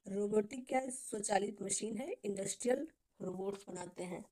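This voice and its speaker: A woman teaching an exam-prep class with a mellow, relaxed tone. She asks a question, then answers it herself, and drills the key terms by repeating them over and over. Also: mid-range voice, normal speed, rough recording. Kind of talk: Hindi exam-prep lecture.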